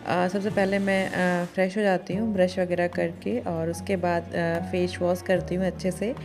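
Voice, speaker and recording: Chatty low-voiced woman vlogging her day. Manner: chatty, homely, many filler pauses. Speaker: vlogger, mother of two. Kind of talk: casual daily-routine vlog narration.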